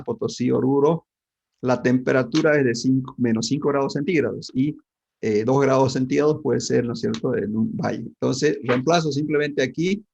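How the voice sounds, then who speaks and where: A male physics teacher gives an online class lecture in a gravelly, husky, darkish voice at a middle pitch, captured through a dull, lo-fi mic. Talking through the lesson, he constantly tosses questions at his class, with plenty of tag questions.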